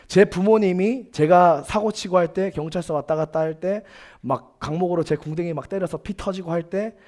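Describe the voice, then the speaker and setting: A man's voice: a little high, darkish tone. A young man preaching a sermon as youth pastor, earnest and emphatic, telling personal stories with quoted dialogue. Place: church sanctuary.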